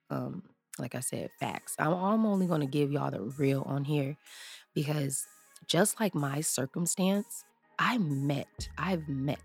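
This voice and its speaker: A woman's voice: deep voice, gravelly, a little mellow. A woman in her thirties hosting a podcast, giving a heartfelt personal motivational talk with lots of fillers. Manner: heartfelt, rambling, many fillers. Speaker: podcast host.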